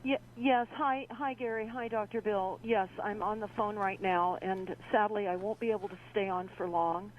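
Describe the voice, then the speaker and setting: A woman calling in to a radio talk show over the phone, speaking in halting phrases full of fillers. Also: mid-range voice, steady tone. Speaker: call-in guest. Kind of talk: casual radio call-in talk. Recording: muffled phone line with faint hiss.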